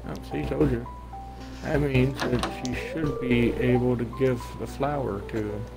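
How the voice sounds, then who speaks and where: A man's voice: mid-range voice, fairly even intonation, measured pace, vocal fry, music in the background, poor audio. A man hosting a let's play, chatting casually and joking with a friend while he plays. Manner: joking, playful banter. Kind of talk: casual gaming chat.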